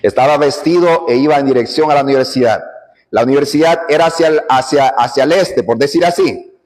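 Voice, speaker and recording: A man preaching a sermon with emphasis, repeating phrases and sometimes rising to shouts. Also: medium pitch, brisk, big-room sound.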